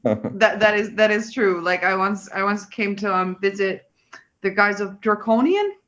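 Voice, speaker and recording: A woman from Finland, chatting casually in a blunt, jokey, animated manner. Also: medium pitch, moderate pace. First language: Finnish. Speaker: podcast co-host. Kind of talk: casual chat, anecdote telling.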